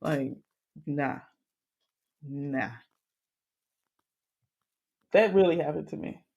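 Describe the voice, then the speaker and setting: A man's voice: a little high, drawn-out words, creaky, highs cut off. A man co-hosting a podcast, telling a story in casual chat with lots of swearing and laughter. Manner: animated, profane, laughs through his stories. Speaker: podcast co-host.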